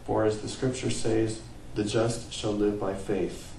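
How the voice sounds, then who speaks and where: Male pastor, mellow tone, earnest sermon delivery, recorded from a distance in an echoey church. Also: lowish voice, level tone, measured pace, vocal fry. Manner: earnest preaching, rising to emphatic peaks and dropping to quiet phrase ends. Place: church sanctuary.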